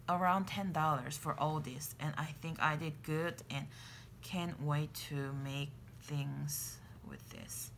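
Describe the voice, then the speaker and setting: A woman vlogger chatting casually to her viewers, excitable, with many fillers and restarts. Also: medium pitch, a little hiss or hum. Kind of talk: casual chat to camera.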